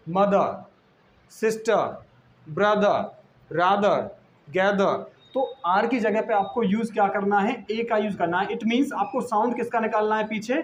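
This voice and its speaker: High-voiced Indian teacher spelling out words. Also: male voice, slight background noise, low-quality recording. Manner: explains patiently, spells words letter by letter, asks and answers his own questions. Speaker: English teacher. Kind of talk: classroom lesson.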